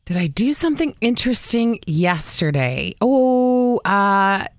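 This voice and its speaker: A woman co-hosting a morning radio show, playful and quick to laugh, giving rambling answers on a studio mic. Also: medium pitch, sing-song, no echo. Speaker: radio co-host.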